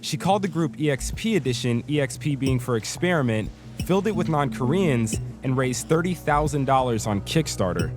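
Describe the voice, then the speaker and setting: A male reporter with a voice pitched at an everyday middle register. He narrates a documentary in a clear, scripted delivery. In the scenes on location he asks questions in an upbeat, friendly way. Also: expressive, fairly quick, over music. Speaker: host and reporter.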